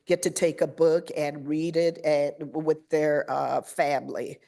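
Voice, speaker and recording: A woman principal presenting her school's news at a school board meeting, pausing often with fillers and a little nervous. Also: little pitch movement, gravelly, warm tone. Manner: halting with fillers, voices children's chants in a high pitch.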